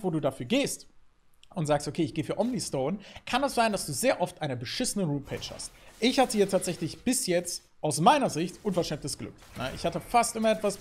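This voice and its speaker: A German man in his thirties, a gaming YouTuber, comments on his own gameplay from a desk in his home streaming setup indoors. His high-pitched voice is lively and excitable, and he talks through the play with plenty of fillers.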